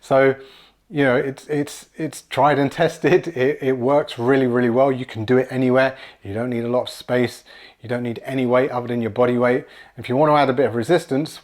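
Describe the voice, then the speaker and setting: A man's voice: mid-range voice, a little mellow. Casual man in his forties coaching. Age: 40s. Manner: casual, encouraging, repeats words. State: slightly out of breath at times. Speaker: fitness coach. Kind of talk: home workout demonstration. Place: small room at home with kids' toys.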